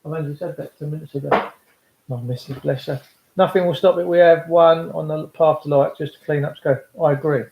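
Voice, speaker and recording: A man's voice: on the high side, fairly even intonation, fairly quick, vocal fry, roomy sound, muffled recording, slight background noise. An English man livestreaming an impassioned political monologue to his followers, speaking emphatically and repeating phrases for weight. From England. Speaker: livestream host addressing followers.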